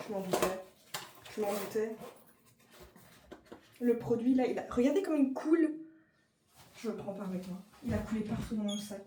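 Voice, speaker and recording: A woman's voice: mid-range voice, mellow. Chatty French woman in an echoey room. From France. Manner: chatty, informal, frequent fillers and restarts. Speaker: vlogger. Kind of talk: casual vlog chat. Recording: echoey room with faint noise.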